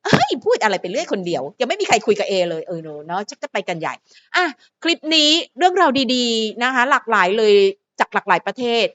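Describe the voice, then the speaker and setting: A woman's voice: fairly high pitch, fairly bright tone. A woman hosting her own fan channel, chatting playfully to viewers and to herself in a casual solo vlog.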